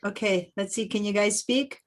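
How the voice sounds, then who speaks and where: A woman's voice: mid-range voice, fairly even intonation, moderate pace. A woman from Argentina, a native Spanish speaker, runs an online illustration class over a video call. She chats freely, greets each student, and drifts into rambling asides. Her voice comes through a headset mic. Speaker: illustration teacher. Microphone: Bluetooth headset on video call.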